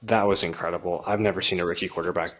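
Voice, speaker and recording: A man's voice: sits low, fairly even intonation, rapid-fire, fairly bright tone, low-quality recording. A man co-hosting a sports podcast, chatting casually and rambling with lots of fillers. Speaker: podcast co-host.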